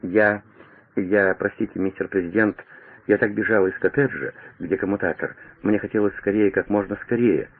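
A man's voice: lowish voice, fairly even intonation, moderate pace. A man voicing a breathless flustered secretary woman. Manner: stammering, breathless. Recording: tinny radio broadcast.

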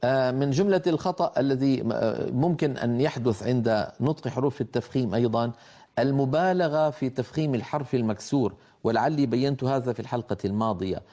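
Man teaching recitation, mellow voice. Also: medium pitch, fast talker. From the Levant. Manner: explanatory, demonstrates sounds by drawing out syllables. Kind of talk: tajweed lesson.

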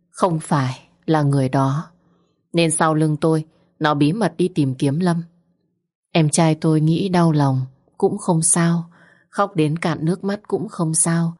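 A woman narrating a first-person story in a soft, slow, emotional way. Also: sits low.

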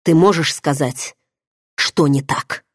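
A woman's voice: fairly low pitch, slow pace, breathy edge, dry recording, clean studio sound. A woman voicing a worried, insistent young man who growls his demands in an audiobook.

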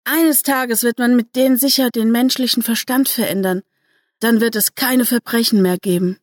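A woman's voice: a little high, fairly even intonation, normal speed, dry recording, studio quality, natural voice. A woman reading a story aloud, voicing a cheeky young male gang member who grins and muses aloud. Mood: enthusing. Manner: cheeky, musing.

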